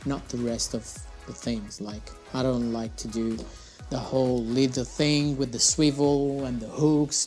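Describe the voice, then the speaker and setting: A young man hosting his fishing channel, talking casually through his gear at a desk in a small room on a lapel mic, with slightly phrasing. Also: medium pitch. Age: young adult. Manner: casual, chatty, slightly non-native phrasing. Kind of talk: gear review vlog.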